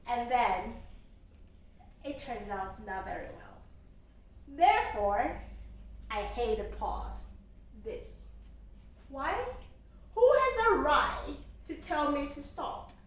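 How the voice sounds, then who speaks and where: Slow-spoken woman, echoey distant room. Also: on the high side, very animated. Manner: playfully defiant, repetitive emphasis. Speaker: table topics speaker. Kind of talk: impromptu speech at a club meeting.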